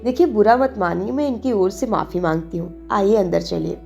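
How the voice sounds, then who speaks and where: Woman reader as sharp young woman, twenties, brisk, audiobook. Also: medium pitch, gravelly, soft background music, natural voice. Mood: apologetic. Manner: brisk, commanding.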